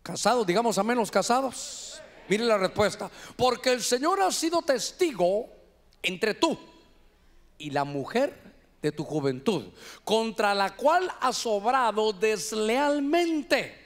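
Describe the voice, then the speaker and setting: Honduran pastor, high voice, animated sermon delivery in church, keeps calling out "hermano". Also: male voice. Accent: Honduran Spanish. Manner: preaching to a congregation, animated, addresses listeners as "hermano".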